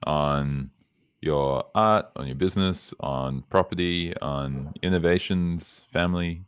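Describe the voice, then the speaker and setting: A man hosting a podcast, asking short relaxed interview questions. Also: sits low, takes it slowly, clear, resonant tone. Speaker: podcast host.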